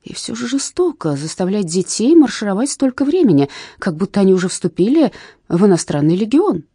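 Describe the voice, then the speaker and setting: A woman reading aloud, voicing an excitable, scheming male canal worker who draws out his exclamations. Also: medium pitch, husky, no room sound, studio quality, voice pushed up. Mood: coaxing. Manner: wheedling, drawn-out exclamations.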